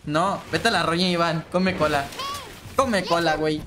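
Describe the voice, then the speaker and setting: Young Mexican male streamer, high-pitched, slangy and chatty, faint hiss behind. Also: moderate pace. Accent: Mexican Spanish. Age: 20s. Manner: slangy, chatty, hums and bursts into shouts. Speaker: game streamer. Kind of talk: casual live-stream chat.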